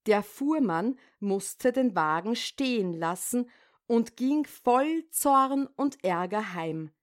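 A woman reads a fairy tale aloud with calm, unhurried pacing. Her voice is pitched somewhat high, and every phrase gets room to land. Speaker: storyteller.

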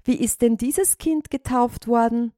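Woman voicing a little storybook mouse, trusting, fretful, high, slow, dry. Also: mellow, no echo, natural voice. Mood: puzzled. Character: good-natured trusting little female mouse. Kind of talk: storybook reading.

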